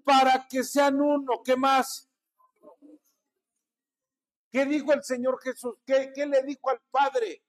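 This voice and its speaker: Mexican pastor, high voice, takes his time, keeps asking the church to say it back. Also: little pitch movement, slow pace, long pauses. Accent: Mexican Spanish. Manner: preaching with call-and-response to the congregation. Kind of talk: sermon.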